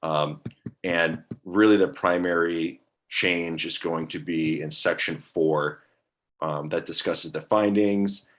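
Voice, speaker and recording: A man giving a hesitant, monotone staff briefing at a public meeting over a video call, filling pauses with um. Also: low-pitched. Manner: monotone, hesitant with many ums. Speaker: staff attorney at a commission meeting.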